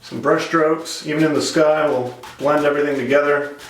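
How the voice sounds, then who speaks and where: A man teaching painting step by step in a gentle, informal, encouraging way. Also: fairly high pitch, steady tone, normal speed. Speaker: painting instructor. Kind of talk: casual step-by-step painting tutorial. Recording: echoey room, distant microphone.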